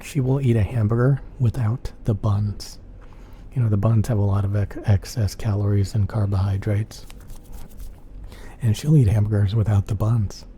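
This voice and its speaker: A soft-spoken man rambling casually in an ASMR chat, often repeating himself. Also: fairly low pitch. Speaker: ASMR channel host. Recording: clear background noise.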